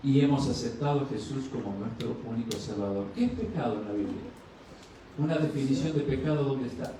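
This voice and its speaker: A man's voice: mid-range voice, fairly quick, mellow, slight background noise. A male pastor preaching a sermon, asking the congregation questions and acting out short dialogues in a raised voice. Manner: asks the congregation questions and answers them; acts out dialogues with rising voice. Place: church sanctuary. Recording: distant mic in a very echoey church.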